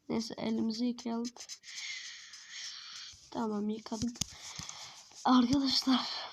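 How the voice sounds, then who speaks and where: A woman's voice: on the high side, darkish tone, a little hiss or hum. A woman narrating her own game role-play in a chatty way, constantly talking to the viewers.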